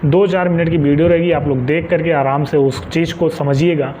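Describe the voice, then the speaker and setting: This exam guidance presenter from northern India advises his viewers informally, repeating key points insistently to stress them. His pitch is fairly high, his tone steady and slightly mellow, his speed normal. Faint background noise sits under the muffled, lo-fi recording.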